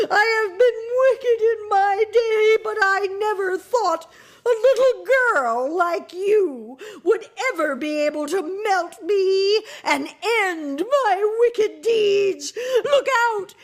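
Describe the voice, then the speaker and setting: Wicked old witch, cunning and spiteful, shrill wailing screech, slow drawn-out words. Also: a bit bright, heavily acted.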